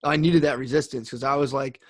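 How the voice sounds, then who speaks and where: A man's voice: mid-range voice, steady tone, fairly quick, fairly bright tone, no echo, clean studio sound. A man co-hosting a podcast in casual chat, easygoing and joking with plenty of swearing. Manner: easygoing, profane, joking banter. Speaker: podcast co-host.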